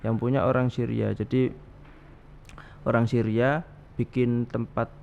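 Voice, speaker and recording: Man, 30s, gravelly, rambling guest, muffled noisy recording. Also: medium pitch, level tone, unhurried, a little mellow, soft background music. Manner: rambling, with many restarts and Javanese fillers. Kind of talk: casual interview. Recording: dull, slightly noisy studio audio.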